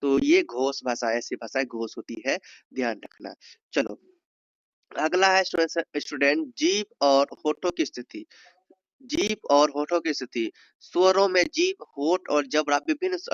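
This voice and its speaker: A man's voice: on the high side, no echo. Man teaching an exam lesson, muffled. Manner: explains step by step, asks students questions. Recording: dull, muffled sound.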